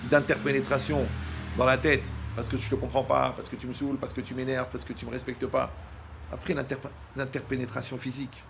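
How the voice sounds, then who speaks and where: A man gives a humorous sermon as a rabbi, speaking casually and straight to his listeners. His voice sits in a middle register with a strong gravelly fry. He jokes freely and slips into acted-out scenes as he goes. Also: medium pitch, a little fast, music in the background. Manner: lively, joking, talks to the listener directly, acts out scenes.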